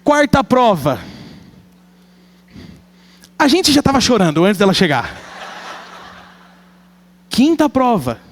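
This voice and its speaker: A man preaching a sermon, telling a comic family story with animated delivery. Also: very high voice, takes it slowly, long pauses. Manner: animated, comic, acts out family members' voices. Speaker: pastor. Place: church hall. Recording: long church hall reverb.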